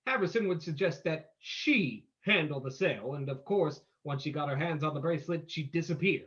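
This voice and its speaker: A man's voice: on the high side, expressive, fairly quick, fairly bright tone. Man acting a theatrical radio vigilante detective, muffled audio, the Shadow. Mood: confident, explaining. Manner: theatrical, explanatory, dramatic. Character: the Shadow, suave, menacing male vigilante detective. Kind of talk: old-time radio drama acting.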